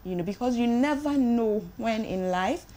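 A woman hosting a talk show, speaking in a reflective, measured way. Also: fairly high pitch, expressive, mellow, a little hiss or hum. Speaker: radio host.

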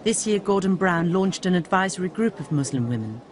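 A woman giving measured, serious documentary narration in a studio voice-over. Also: fairly low pitch, lively intonation, darkish tone, slight background noise. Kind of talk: scripted narration. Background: music.

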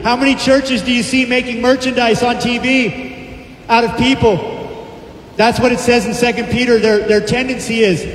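A middle-aged man preaches in the open air, his voice pitched unusually high and driven hard as he declaims scripture. He speaks through a handheld mic and loudspeaker, so the sound rings with a long reverb and a faint hum of outdoor noise behind it. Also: level tone, moderate pace. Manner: emphatic, declaiming scripture with frequent praise interjections. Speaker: street preacher. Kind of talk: open-air street sermon. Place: outdoor park by palm trees. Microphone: handheld microphone through a loudspeaker, far camera. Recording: echoey amplified sound outdoors with hall-like reverb.

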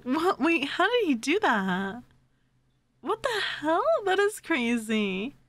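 A woman's voice: sits high, very animated, takes it slowly, noisy background. A woman streamer with a cute anime streamer manner, reacting casually and exclaiming at meme videos. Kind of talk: casual live reaction commentary. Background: music and meme video audio.

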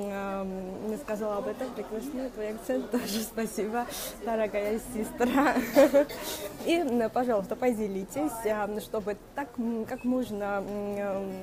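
Speaking through a wired earphone mic in a small room, a young female coach runs a live stream and welcomes viewers by name while music plays. Her pitch is a little high, and her delivery is halting and filler-heavy, marked by the noticeable accent of someone using Russian as a second language.

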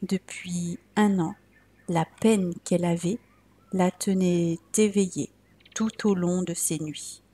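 Unhurried woman reading a tale aloud, soft and slow, some whispering. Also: fairly low pitch, fairly even intonation. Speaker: storyteller. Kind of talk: read-aloud fairy tale narration.

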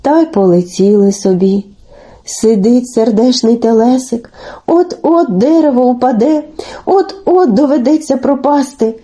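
A woman narrating a folk fairy tale for children in an expressive, sing-song storytelling manner. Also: on the high side, a little slow.

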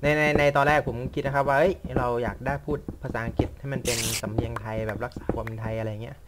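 A man's voice: mid-range voice, steady tone, fast, very noisy. A young man chatting casually and rambling while he plays a game, mocking himself and muttering at what happens on screen. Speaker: gaming vlogger. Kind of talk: casual chat while playing.

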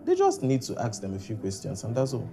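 An actor playing a calm, firm male police detective, measured and authoritative. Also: medium pitch. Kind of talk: film drama acting. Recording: film audio with music bed.

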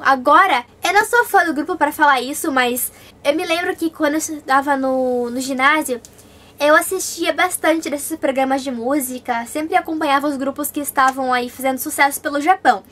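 A woman's voice: sits high, a bit bright. A young woman from Brazil, living abroad, answering viewer questions in a casual, chatty vlog and reading their comments aloud.

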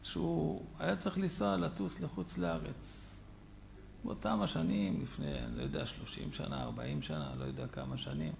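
Male rabbi, sermon storyteller, lively and chatty, with a high voice and faint hiss behind. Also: creaky. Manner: animated storyteller, conversational. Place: synagogue.

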